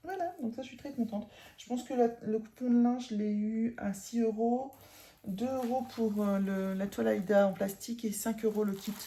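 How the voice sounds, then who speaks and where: Tired, chatty northern French woman with a gravelly voice. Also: on the high side, fairly even intonation, normal speed, warm tone. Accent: northern French, Ch'ti. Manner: chatty, rambling with many fillers and self-corrections. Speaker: cross-stitch vlogger. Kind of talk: casual haul chat.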